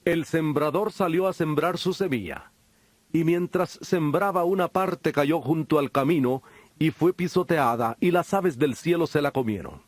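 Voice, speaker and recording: An actor playing Jesus as a solemn, patient teacher with authority in a dramatized audio Bible, speaking in a measured, preaching delivery. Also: male voice, on the high side, no room sound. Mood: calm storytelling. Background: music.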